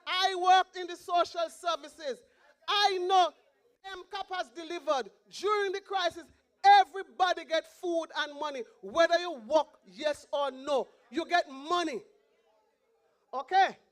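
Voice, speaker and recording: A woman's voice: very high voice, unhurried. A woman with a Montserrat accent giving an impassioned, pleading rally speech as a political candidate, repeating her slogans.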